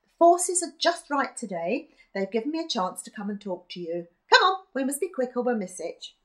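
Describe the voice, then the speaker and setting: A woman's voice: fairly high pitch, big pitch swings, normal speed. Granny Genome, a chirpy bossy old fairy, as a woman puts her on. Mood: brisk, chirpy.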